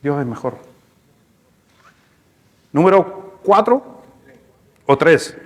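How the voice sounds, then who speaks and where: Chilean pastor, high voice, reverberant hall. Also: male voice, very slow. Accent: Chilean Spanish. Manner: storytelling, animated, conversational with congregation. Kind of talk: sermon. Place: church hall. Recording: long hall reverb in church.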